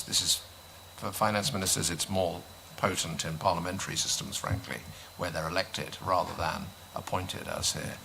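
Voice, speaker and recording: A male panelist answering a question at a conference, measured, pausing often with "um". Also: low-pitched, gravelly, pushed and bright, slight background noise, rough recording. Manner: measured, many "um" pauses, dry aside. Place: conference hall.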